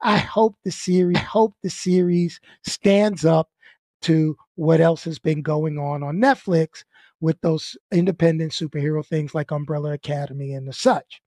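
Closing out his live stream, this Brooklyn host talks at a moderate pace in a fairly high, steady, slightly mellow voice. The studio-quality recording has no room sound, and he's joking, hyped, and addresses his YouTube audience head-on.

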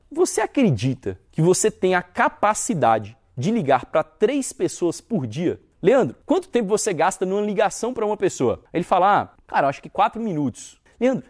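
A young Brazilian man giving an informal motivational talk to camera as a network marketing leader, acting out little dialogues. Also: fairly high pitch. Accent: Brazilian Portuguese. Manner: informal, animated, acts out dialogues.

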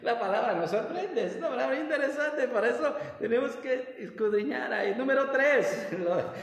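A pastor preaching a lively sermon, drawing responses from the congregation, with laughing asides. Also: sits high, normal speed. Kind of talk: Pentecostal-style preaching sermon. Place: church hall. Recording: roomy church hall with long reverb.

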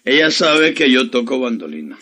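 A man's voice: medium pitch, very animated, moderate pace, sharp tone, husky, exaggerated voice. A man playing a boastful chatty barber. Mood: bragging. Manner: boastful, talkative. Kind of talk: radio play acting.

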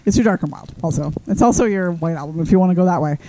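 A woman's voice: fairly low pitch, rapid-fire, mellow, poor audio. A young woman, co-hosting a casual podcast and gushing about bands, swearing and singing along to lyrics. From Canada. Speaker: podcast co-host.

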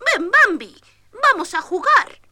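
A woman voicing a lively, cheeky young male rabbit in a storybook record. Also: very high voice, takes it slowly, noisy background, voice pushed up, heavily acted. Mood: playful. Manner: chirpy and eager.

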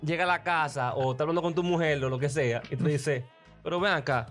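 A man co-hosting a casual podcast, animated and chiming in with groans. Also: on the high side, fast, soft background music. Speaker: podcast co-host. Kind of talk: casual comedic chat.

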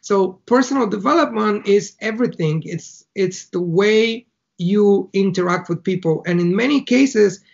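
A man from Bulgaria with a Bulgarian accent is a guest in a casual interview, working through his ideas with analogies in short phrases and small restarts. His high-sitting voice is creaky and darkish at a measured pace, and the audio sounds dull.

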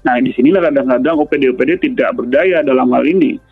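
A man giving commentary in a radio interview, often pausing and searching for words as he thinks. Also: medium pitch, slightly rough, no room sound, soft background music. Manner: hesitant, searching for words with frequent pauses and filler phrases. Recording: thin phone-line sound.

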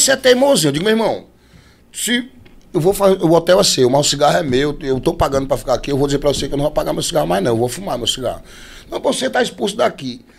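Homem nordestino contando causos, voz rouca. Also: male voice, fairly high pitch, vocal fry, husky. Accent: Northeastern Brazilian. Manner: animated, acts out quoted voices. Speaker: forró singer, podcast guest. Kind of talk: casual storytelling.

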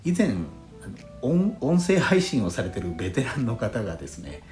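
A male podcast host with a mid-range, sing-song voice reads listener letters at a normal speed, chatting politely in formal, courteous language. The recording has a roomy echo, with soft lo-fi flute jazz playing faintly behind him.

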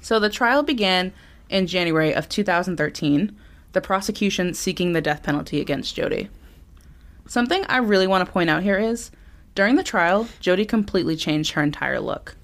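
A woman's voice: lowish voice, expressive, brisk. A young woman co-hosting a podcast, telling a story in casual chat, laughing often and acting out quotes. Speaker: podcast co-host.

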